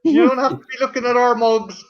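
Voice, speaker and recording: A man with a high voice trades crude, profane jokes in casual stream banter. The sound is dull and lo-fi. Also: fairly quick. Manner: crude, joking, swears a lot. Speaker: co-host of a watch-along stream. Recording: muffled lo-fi stream audio.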